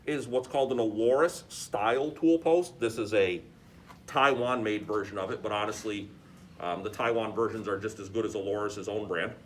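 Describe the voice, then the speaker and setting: A man's voice: lowish voice, normal speed. A man instructing like an experienced machinist, patiently explaining a hands-on demonstration step by step. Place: workshop beside a lathe. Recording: clear shop background noise.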